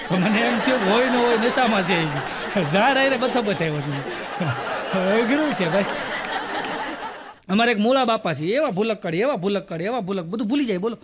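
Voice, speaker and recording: A man's voice: high voice, animated, moderate pace, heavy background noise. A male comedian with a Gujarati accent, telling jokes as stories and voicing the people in them. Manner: storytelling with voiced quotes of characters. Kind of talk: stand-up joke telling. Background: audience laughter.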